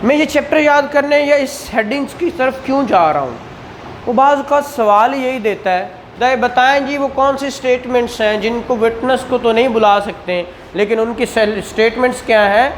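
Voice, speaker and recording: A man with a Pakistani accent and a very high voice gives a classroom exam-prep law lecture at a moderate pace. His style is didactic, often prompting listeners with questions and then repeating the answers. The audio is poor, with slight background noise.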